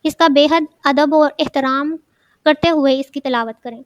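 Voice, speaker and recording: A woman's voice: sits high, no room sound. A woman teaching a children's religious studies lesson, asking questions and then answering them herself, often repeating key words.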